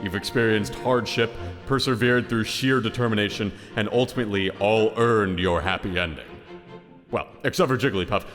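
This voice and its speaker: A man voicing an eager, gushing giant hand who hosts grandly and theatrically in an animated comedy. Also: fairly low pitch, moderate pace, lightly acted. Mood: cheerful, addressing group. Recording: background music, long reverb.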